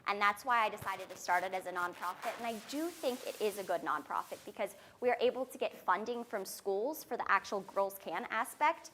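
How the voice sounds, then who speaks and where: Bright-voiced woman giving a confident startup pitch. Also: fairly quick, few pauses, a little hiss or hum. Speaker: nonprofit founder pitching.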